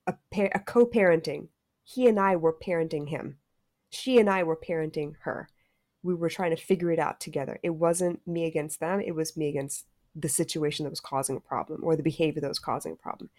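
A woman's voice: sits low, brisk, darkish tone, dry recording, studio quality. Frank, reflective woman guest. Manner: frank and reflective, occasional cursing. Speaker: podcast guest, stepmother. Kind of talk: candid storytelling about parenting.

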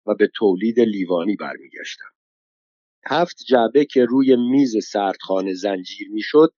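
A man narrating an audiobook story in a measured way, pausing to explain dialect words. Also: medium pitch, mellow, dry recording, highs cut off. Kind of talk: scripted narration.

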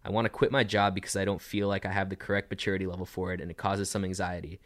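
A man co-hosting a podcast, reading a listener's email aloud in a steady, plain way. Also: low-pitched, rapid-fire, no room sound, studio quality.

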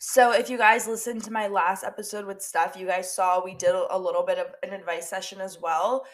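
A woman's voice: medium pitch, fairly even intonation, brisk. A young woman chats through her solo podcast, her voice a little stuffy and nasal from allergies. She rambles casually, leaning on "like" and repeating herself. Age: young adult. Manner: chatty, filler-heavy with lots of "like" and repeats. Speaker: podcast host.

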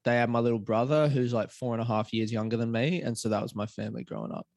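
A man's voice: medium pitch, fairly even intonation, fast talker, gravelly, a little mellow, no room sound, clean studio sound. A young Australian man, a comedian chatting as a podcast guest, laid-back and swearing casually.

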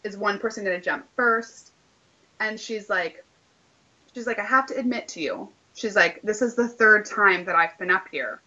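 Bright chatty woman in her late twenties. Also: medium pitch, normal speed, dull audio. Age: late 20s. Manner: chatty, lots of "like", acts out quoted dialogue. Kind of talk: casual storytelling.

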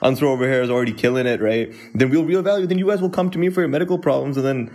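A man's voice: medium pitch, rapid-fire, darkish tone. A young man hosting a casual chat, full of slang and banter. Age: young adult. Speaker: podcast host, medical student.

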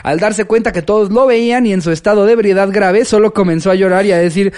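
A man's voice: high-pitched, fast, darkish tone. A man with a Mexican accent, co-hosting a comedy podcast, reading listener anecdotes aloud and joking. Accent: Mexican Spanish. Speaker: podcast co-host. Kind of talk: casual comedy podcast chat.

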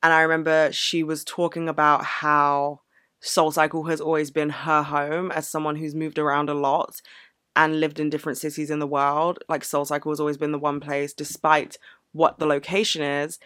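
Woman vlogger, candid and earnest, crisp smooth voice, dry close sound. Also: deep voice, flat delivery, moderate pace, fairly bright tone, no echo. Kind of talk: casual reflective Q&A vlog.

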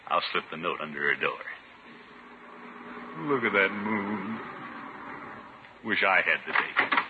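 An actor playing a pompous, sentimental middle-aged bachelor in a 1950s radio comedy, with a theatrical delivery. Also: male voice, low voice, takes it slowly. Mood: flustered. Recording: noisy, muffled old radio broadcast.

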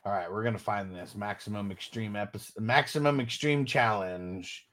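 A man's voice: fairly low pitch, moderate pace, a bit bright, no echo. A man hosting a podcast, in loose, laughing casual chat. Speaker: podcast host.

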